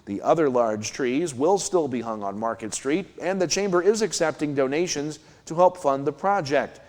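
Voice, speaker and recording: A man's voice: a little high, lively intonation, normal speed, a little mellow. An American man reading a scripted local newscast as its anchor. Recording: long hall-like reverb.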